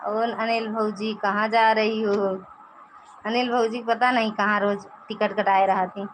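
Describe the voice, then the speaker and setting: A woman's voice: mid-range voice, flat delivery, unhurried, slight background noise, rough recording. A woman with an Awadhi accent chatting casually on a live stream, reading out viewers' comments and teasing them. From Pratapgarh, Uttar Pradesh, India.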